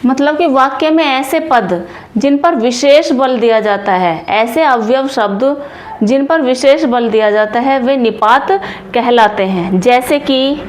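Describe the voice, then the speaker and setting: A woman teaching Hindi grammar, explaining step by step and repeating words slowly as she writes out notes. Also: high voice. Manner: repeats words slowly while writing them out. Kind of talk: classroom explanation, dictating notes.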